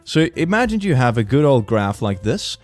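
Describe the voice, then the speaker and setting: A young man with a Swedish accent doing a mock classroom lecture in a playful, sarcastic and rambling way, with sudden bursts of excitement. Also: medium pitch, moderate pace, faint music behind. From Sweden. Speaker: streamer. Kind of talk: mock classroom lecture, casual streaming chat.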